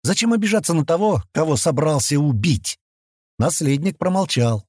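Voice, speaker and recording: A man narrating a fantasy audiobook in a measured, expressive reading. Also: on the high side, breathy edge, no echo, clean studio sound.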